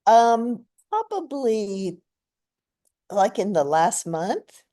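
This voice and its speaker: A woman's voice: mid-range voice, very animated, extremely slow, dark tone. An older woman giving an interview in an informal, chatty way. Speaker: interview guest. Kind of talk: casual chat.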